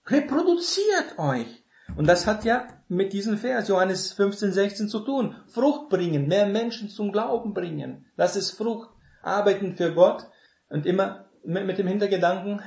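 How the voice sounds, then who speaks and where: A man's voice: a little high, darkish tone. Emphatic man preaching in an echoey room. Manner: emphatic, repeats key phrases, frequent filler "ne". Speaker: Bible teacher. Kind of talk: sermon.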